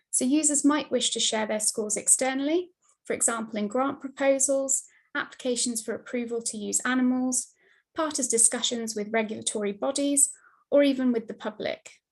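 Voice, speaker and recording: A woman giving a steady, scripted slide presentation over a video call, her mic cutting in and out. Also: high-pitched, moderate pace, poor audio. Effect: video call audio, mic cutting in and out. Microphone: computer mic on a video call.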